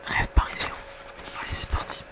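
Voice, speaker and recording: A very quiet, night-time whisper reading poetry softly in an ASMR bedtime style. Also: moderate pace. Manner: hushed bedtime reading with casual whispered asides. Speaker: ASMR reader.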